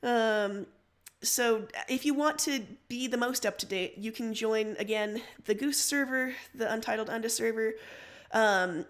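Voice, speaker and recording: A woman with a slightly high voice speaks a little slowly as she hosts a livestream. She reads stories aloud and chats casually with her audience, mixing narration with relaxed livestream talk.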